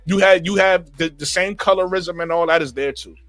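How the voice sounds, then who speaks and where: A Brooklyn man with a New York accent speaks emphatically in a casual group discussion, repeating phrases and calling people "bro." His voice is high, brisk, and fairly bright.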